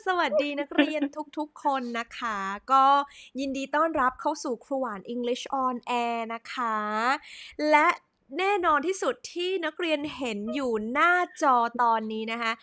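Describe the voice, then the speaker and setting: A woman hosting a live stream, chatting brightly and switching between Thai and English. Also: high-pitched, measured pace, no echo, clean studio sound. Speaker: host.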